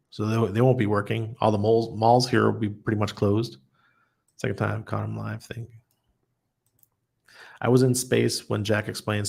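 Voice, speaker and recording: This livestream host has a fairly low, gravelly voice. He reads viewers' comments aloud and replies in a blunt, chatty manner, laughing a lot along the way.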